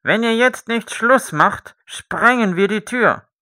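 Man doing a harsh male official, commanding, shouting orders, high strained voice, storybook. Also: slow, exaggerated voice. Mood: impatient, shouting.

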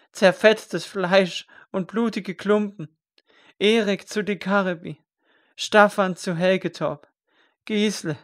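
A man's voice: sits high, voice pushed up. A man reading a story aloud, voicing a young male scribe who cries out in grief and horror. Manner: anguished, crying out.

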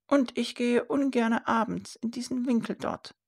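A woman voicing an evasive, motherly old woman in a storybook reading, in a high, thin, wavering voice. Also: a little slow, darkish tone, slightly rough.

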